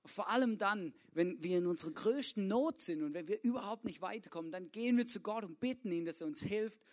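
Casual preacher, high voice. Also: male voice, fairly quick. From Swabia, Germany. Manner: casual, informal, keeps asking "oder?". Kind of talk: youth sermon.

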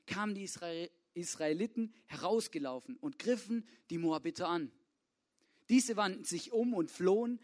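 Casual preacher, high voice. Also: male voice. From Swabia, Germany. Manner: casual, informal, keeps asking "oder?". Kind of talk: youth sermon.

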